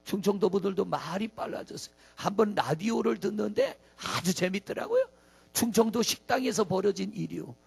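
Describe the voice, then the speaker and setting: A man's voice: sits high, sing-song, a little fast, vocal fry, a little mellow, husky. A middle-aged man preaching a sermon as pastor, folksy, asking the congregation questions.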